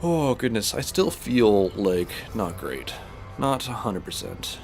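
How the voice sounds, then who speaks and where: This gaming-channel host sounds very animated yet slow, his lowish voice creaky and darkish in tone and a little stuffed-up. He rambles through casual chat while playing a space game, heavy on fillers and restarts, faint music behind him.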